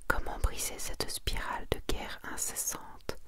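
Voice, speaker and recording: The host of this ASMR video whispers softly while showing a collection of manga. Taking her time, she reads summaries aloud and mixes in relaxed commentary.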